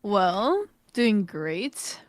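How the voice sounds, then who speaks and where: A woman's voice: mid-range voice, big pitch swings, drawn-out words, no room sound. A woman esports caster interviewing guests on a podcast, upbeat and easygoing. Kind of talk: casual interview.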